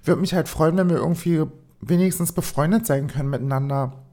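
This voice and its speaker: A woman's voice: sits low, a little fast, dark tone. Woman doing an eager pushy teen boy. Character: pushy, friendly teenage boy.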